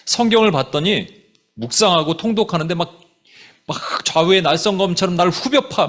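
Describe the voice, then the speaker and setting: A man preaching a sermon as a pastor, animated, dropping English phrases into his talk. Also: high-pitched. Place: church sanctuary.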